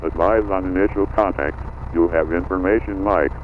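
A man reading a recorded airport weather broadcast over aircraft radio, in clipped, even, formal phrasing. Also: sits low, normal speed. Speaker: recorded airport information announcer. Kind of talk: steady read-out of weather and runway data. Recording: tinny aircraft radio with faint noise.

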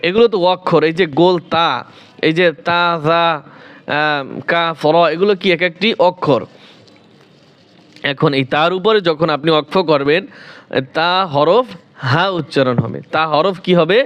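A man teaching Quran recitation rules in a slow, repetitive lesson. He asks questions, answers them himself, and stretches out recited examples. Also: on the high side, fairly bright tone, dull audio.

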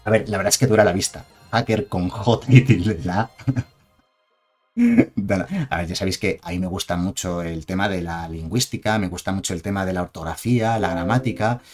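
Man, Spain Spanish accent, fairly low voice, casual streamer chatter, faint music behind. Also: fairly even intonation, a little fast, darkish tone. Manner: chatty, digressive, reads chat aloud. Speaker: streamer reviewing game cards. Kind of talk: casual live-stream commentary.

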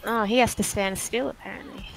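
A woman's voice: medium pitch, fairly even intonation, a little fast, gravelly, slight background noise, poor audio. A woman making wry, casual remarks to her teammates while playing an online game. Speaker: gamer in a group stream. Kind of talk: casual gaming chat.

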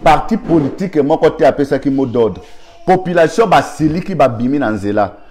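A man's voice: fairly high pitch, animated, brisk, darkish tone. A man with a Congolese accent gives an argumentative political commentary, firing rhetorical questions and thanking viewers by name.

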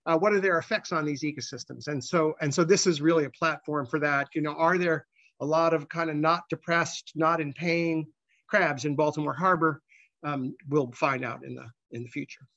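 A man giving a conversational scientific slide presentation as a researcher, halting, with repeated words and false starts. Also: a little high, steady tone, a bit bright, dull audio.

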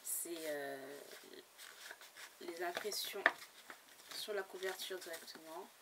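Speaking slowly in a fairly low voice, a woman who blogs about books talks through her latest purchases in a relaxed haul video. Her delivery is hesitant, with lots of fillers and false starts. Faint background noise comes through a mic placed a little far away.

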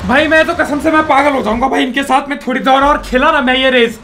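A young man commentating his own gameplay, exasperated and pleading, often yelling at other players. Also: very high voice, fairly even intonation, quick pace, slight background noise. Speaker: gaming YouTuber.

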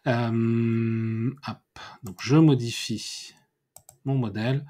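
A man giving a screen-recorded software tutorial, thinking aloud and correcting himself as he clicks through menus. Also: medium pitch, fairly even intonation. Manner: unhurried, thinking aloud with many fillers and self-corrections. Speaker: WordPress tutorial instructor.

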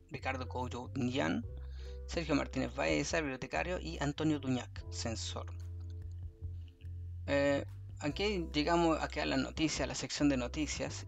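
A man's voice: mid-range voice, vocal fry, lo-fi sound. A man thinking aloud in a casual screen review, often exclaiming in mock dismay. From Chile. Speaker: history vlogger.

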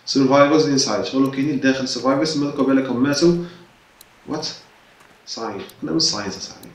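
A young man chats quickly through a let's play, slipping English game words into his talk. He sits at a distance from the mic in an echoey room. Game music plays faintly behind him. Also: mid-range voice. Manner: chatty, quick, mixing English game lines into Arabic. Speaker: gaming YouTuber.

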